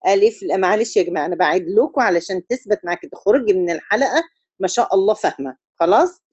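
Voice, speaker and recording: A woman with an Egyptian Arabic accent teaching a tajweed lesson on Quran recitation. She explains step by step, keeps checking that her students follow, and chants drawn-out syllables to show the correct reading. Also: medium pitch, animated, darkish tone, slightly rough, no echo.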